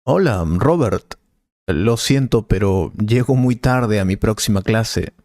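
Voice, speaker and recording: A man's voice: fairly low pitch, expressive, slow, a little mellow, dry recording, clean studio sound. A man as a patient male professor. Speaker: Spanish teacher. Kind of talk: scripted learner dialogue.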